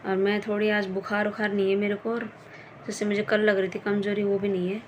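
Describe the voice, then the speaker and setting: A woman's voice: medium pitch, flat delivery, brisk, a little hiss or hum, low-quality recording. A woman chatting casually at home in a vlog, rambling through everyday stories as a mother. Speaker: vlogger mother. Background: background music.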